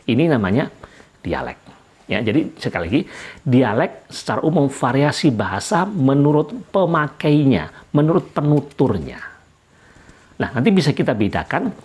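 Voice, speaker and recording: A middle-aged man from Indonesia delivers an academic lecture in a husky, slightly breathy voice. His pitch rises and falls in lively swings as he explains, pausing on fillers and restating each point.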